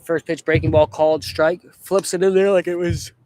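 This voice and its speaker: A young man calling amateur baseball play-by-play in a relaxed, chatty way, often correcting himself. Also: on the high side, moderate pace, no room sound. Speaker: play-by-play announcer.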